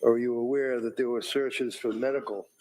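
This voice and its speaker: A man serving as defense attorney questions a witness in the courtroom, steering him with leading questions and faltering into repetitions. His mid-range voice is steady and a little mellow, captured on a rough recording with a bit of hiss or hum.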